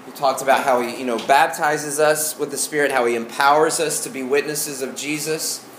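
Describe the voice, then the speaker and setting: Man, Arkansas Southern accent, pastor, informal teaching sermon, mid-pitched voice, halting folksy delivery, echoey room, faint noise. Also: fairly even intonation, a bit bright. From Arkansas, United States. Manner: halting, repeats phrase openings, folksy. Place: indoor room before a congregation.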